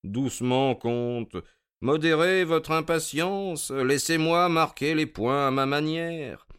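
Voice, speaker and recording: A self-assured detective, cool and ironic, played by a man who speaks with calm, methodical needling. His voice is smooth and resonant. He delivers in a radio drama manner. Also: on the high side, slow pace, pitched above the performer's own voice.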